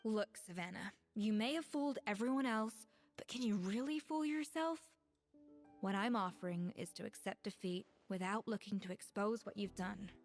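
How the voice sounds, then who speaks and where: An actress playing a self-assured young woman head chef in a video game, measured, firm and slightly wry. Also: mid-range voice, faint music behind, close to an everyday voice.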